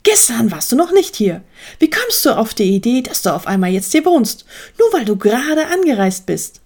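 A woman voicing a furious, territorial male sheep who shouts and rants shrilly. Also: a little high, very animated, normal speed. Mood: hostile.

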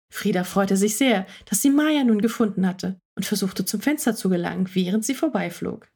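Breathy woman reading a children's story. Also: mid-range voice. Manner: calm reading, dropping to a whisper at tense moments.

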